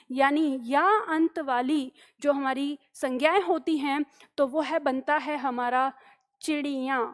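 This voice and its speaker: A woman teaching a grammar lesson, patiently explaining rules, repeating example words and checking in with her students. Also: high voice.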